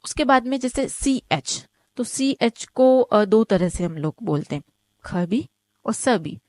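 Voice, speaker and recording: A woman's voice: on the high side, lively intonation, a little mellow, dry recording. A woman teaching German, step by step. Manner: explains step by step, often asks "ठीक है?"; says each example word slowly twice. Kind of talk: online language lesson.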